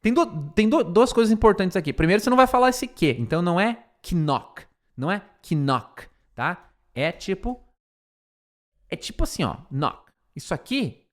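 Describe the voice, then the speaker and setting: Teaching an English lesson, a man with a Brazilian Portuguese accent explains in Portuguese and slowly repeats English words to drill pronunciation. His voice is high-pitched and very animated.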